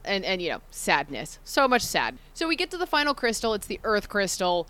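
A woman's voice: medium pitch, sing-song, brisk, fairly bright tone, no room sound. A woman co-hosting a casual chat and recapping a video game's plot, laughing often and acting out characters' lines. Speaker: podcast co-host.

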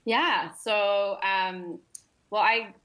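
A young holistic nutritionist, raised internationally and partly in Malaysia, tells her personal story earnestly as a podcast guest. Her voice is mid-range, steady, and fairly bright, and she speaks extremely slowly, using many fillers and restarting often.

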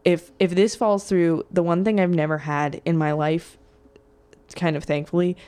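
A woman's voice: on the low side, normal speed, smooth. A young woman, a media student, chatting casually and telling stories with fillers. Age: young adult. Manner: relaxed, storytelling, with fillers. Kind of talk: casual chat.

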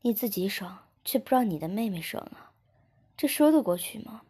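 A woman's voice: medium pitch, expressive, moderate pace, dark tone, breathy edge. A woman voicing a teasing, controlling young man.

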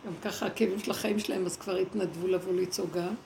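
A woman giving a spiritual talk, telling a personal story in an animated way and acting out the voices she quotes. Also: fairly low pitch, background noise. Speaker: speaker at a spiritual gathering. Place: evening gathering indoors. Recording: echoey room with clear background ambience.

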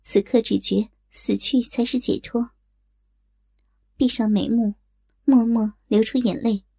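Gravelly, husky woman narrating a story. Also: on the high side, fairly even intonation, a little slow, dark tone, no room sound.

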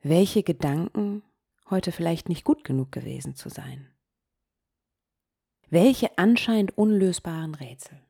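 A woman hosting a guided meditation podcast, speaking softly and gently, often sinking into a whisper. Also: lowish voice, lively intonation, creaky, breathy edge. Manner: slow, soft-spoken, gently guiding, drops into whispers.

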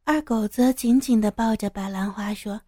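A woman narrating a serialized audio story with a calm, steady, descriptive reading. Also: mid-range voice, normal speed, no echo, clean studio sound.

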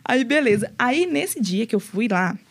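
A young adult woman, a guest on a podcast, telling her own story casually and in an animated way, acting out what people said. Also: fairly high pitch, measured pace. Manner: animated, storytelling with lots of quoted dialogue.

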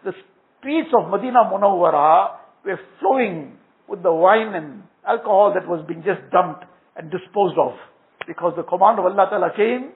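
High, gravelly man preaching over tinny sound. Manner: earnest storytelling, sprinkled with Arabic phrases. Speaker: Islamic preacher. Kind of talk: sermon.

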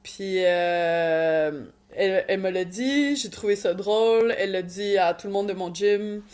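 A woman's voice: mid-range voice, measured pace, a little mellow. A woman with a Quebec French accent giving casual interview answers, informal and sprinkled with English words. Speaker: Muay Thai fighter and coach.

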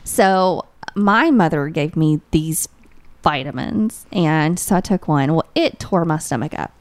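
Lively, animated woman in her thirties. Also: low voice, unhurried, no echo. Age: 30s. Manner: animated, laughing storyteller. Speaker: podcast co-host. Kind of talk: casual chat.

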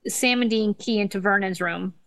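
Podcast co-host, woman, gravelly low rasp, dry close sound, chatty recap delivery. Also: moderate pace, fairly bright tone, dry recording. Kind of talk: casual episode recap.

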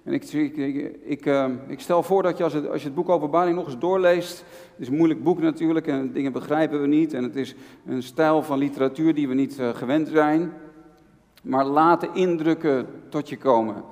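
Middle-aged male preacher, slightly high voice, fervent pastoral delivery, long hall reverb. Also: moderate pace, a little mellow. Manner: fervent, rising to impassioned pleading; pastoral, speaks directly to listeners. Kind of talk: sermon.

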